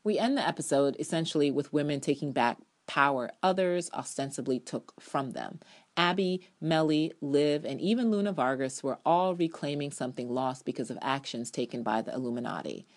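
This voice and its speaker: This TV episode reviewer has a low, animated voice and keeps a moderate pace. She performs her written review dramatically, with strong opinions and emphasis, stretching key words and dropping casual asides.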